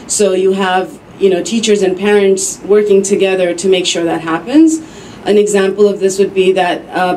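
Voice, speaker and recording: A woman giving a measured, explanatory talk as a speaker at an academic roundtable. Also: mid-range voice, a little mellow, slight background noise, rough recording. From United States. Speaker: panel speaker.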